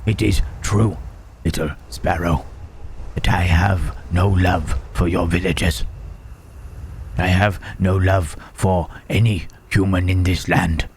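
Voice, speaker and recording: A man playing Frankenstein's monster in an ASMR roleplay, a gentle, melancholy reanimated creature who speaks in a hushed, halting, formal way. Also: low-pitched, steady tone, a little hiss or hum. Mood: solemn, fond.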